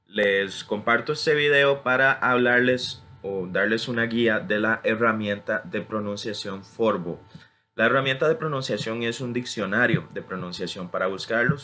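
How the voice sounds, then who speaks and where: Bright-toned teacher. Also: male voice, fairly low pitch. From Costa Rica. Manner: switches between English and Spanish, models words for repetition. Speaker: English teacher. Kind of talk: screen-recorded tutorial.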